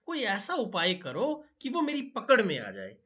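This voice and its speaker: A man's voice: high voice, wildly swooping pitch, measured pace, bright, forceful tone, exaggerated voice. A man voicing a hungry, gullible male crocodile in a school storybook reading, talking in a pleading, simple-minded way.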